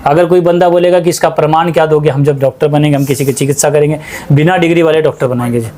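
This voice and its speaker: A man's voice: fairly high pitch, steady tone, fast talker, warm tone, a little hiss or hum. A man working as an ayurvedic practitioner, speaking with emphatic, repetitive insistence in a small clinic. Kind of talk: earnest testimonial talk.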